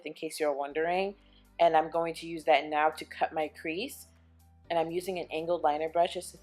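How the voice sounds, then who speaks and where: Chatty young woman explaining her makeup steps. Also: lowish voice. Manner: chatty, explaining each step as she goes. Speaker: beauty vlogger. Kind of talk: makeup tutorial and review. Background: soft background music.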